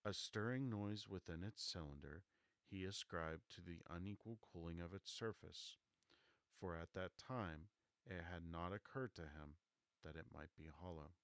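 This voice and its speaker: Soft spoken guy with a low voice reading an old novel, really dry sound. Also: moderate pace, no room sound. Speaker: audiobook narrator. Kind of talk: soft scripted narration of a classic novel.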